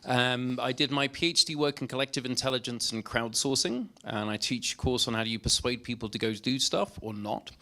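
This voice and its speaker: A man's voice: medium pitch, brisk, few pauses, bright, forceful tone. A man, an academic and founder introducing himself on a conference panel, breezy and casual. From England.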